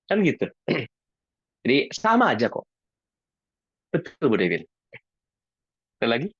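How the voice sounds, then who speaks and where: A man's voice: mid-range voice, huge pitch swings, takes it slowly, long pauses, a bit bright, slightly rough, no echo. A man answering audience questions about emotions in a casual, jokey way, acting out little dialogues. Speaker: guest speaker on emotions. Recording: dull lo-fi online talk audio.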